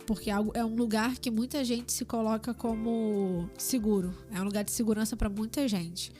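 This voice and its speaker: A woman's voice: on the high side, steady tone, normal speed, mellow, faint music behind. Earnest Brazilian woman sharing testimony. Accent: Brazilian Portuguese. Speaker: podcast guest, tattoo artist. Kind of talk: casual testimony chat.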